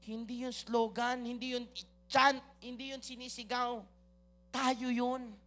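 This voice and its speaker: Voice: medium pitch, level tone, measured pace, a bit bright. A pastor preaching a sermon to a congregation, mixing English into the talk and often asking the congregation questions. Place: church.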